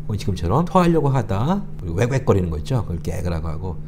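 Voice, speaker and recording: Male tutor, mellow and lowish voice with lively swings, patiently drilling phrases for repetition. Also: fast, a little hiss or hum. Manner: patient, repeats phrases for learners to copy. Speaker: English tutor. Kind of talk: explanatory language lesson.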